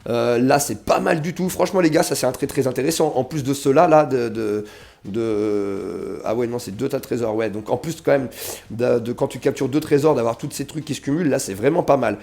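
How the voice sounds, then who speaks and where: Here the creator of mobile game videos has a brisk, creaky, darkish mid-range voice and a slight cold. He keeps up casual, slangy gaming chatter, reading in-game text out loud and addressing his audience as "les gars".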